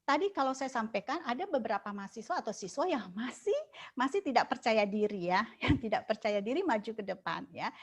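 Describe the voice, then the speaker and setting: A woman coaching public speaking in a webinar, animated, asking rhetorical questions and filling pauses with "eh". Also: on the high side. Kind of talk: webinar talk. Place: online webinar.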